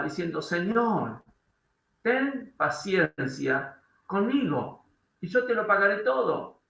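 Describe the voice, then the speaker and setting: A man's voice: a little high, gravelly, bright, forceful tone. A man with an Argentine accent, preaching a sermon in a church hall, reading scripture aloud and explaining it, with questions to the congregation. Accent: Argentine Spanish. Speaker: pastor.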